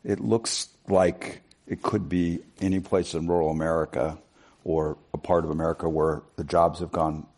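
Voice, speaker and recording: A man interviewing authors, asking deliberate questions with restarts. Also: deep voice, creaky, dark tone, breathy edge.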